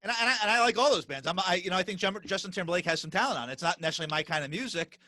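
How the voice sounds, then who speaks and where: A middle-aged podcast host from the US Northeast chats casually and animatedly in an interview, with lots of restarts and repeated words. His voice is high-pitched, sharp, and very fast, in a dry recording.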